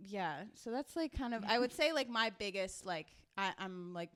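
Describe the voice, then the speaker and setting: A woman's voice: mid-range voice, animated, normal speed, a bit bright. A young adult woman hosting a casual podcast, rambling with plenty of "um" and "like" and laughing easily. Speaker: podcast host.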